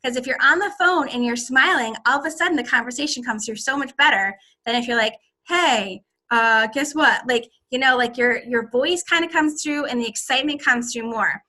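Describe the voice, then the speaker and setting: A middle-aged woman casually giving advice to her sales team, animated, often acting out excited voices. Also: sits high, a little fast, few pauses. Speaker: direct sales team leader.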